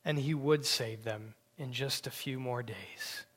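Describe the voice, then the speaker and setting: A male pastor delivers a sermon at an unhurried, drawn-out pace. His voice sits at an ordinary middle pitch, swelling with emphasis and then falling to hushed, breathy asides. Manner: slow, emphatic preaching with hushed whispered asides.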